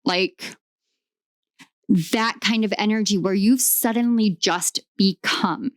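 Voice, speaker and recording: A woman giving a channeled tarot reading, talking with eager enthusiasm and often pausing to search for the right words. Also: medium pitch, dry recording, clean studio sound. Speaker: tarot reader.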